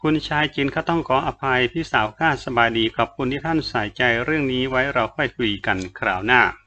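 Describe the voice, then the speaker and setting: A man's voice: medium pitch, a little fast, bright, forceful tone, lightly acted. A man voicing a stern, hot-tempered young sect leader who speaks in a curt, scolding way, in a dull recording with faint hiss.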